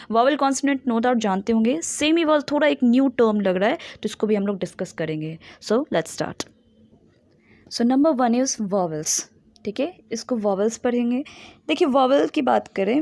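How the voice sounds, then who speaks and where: Dry, higher-voiced woman teaching grammar. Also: vocal fry, darkish tone, no room sound. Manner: repeats key terms slowly, asks rhetorical questions. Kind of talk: classroom lesson in Hindi and English.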